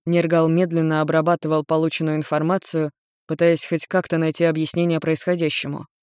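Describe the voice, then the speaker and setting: A man narrating an audiobook in an even, measured storytelling voice. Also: fairly high pitch, smooth, dry recording, studio quality.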